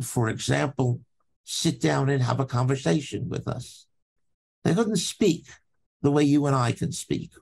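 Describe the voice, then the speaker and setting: An older man from Brooklyn, a professor telling a story from his childhood in a podcast interview, slow and deliberate with dramatic pauses. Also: on the high side, a little mellow. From Brooklyn, New York. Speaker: anatomy professor, guest.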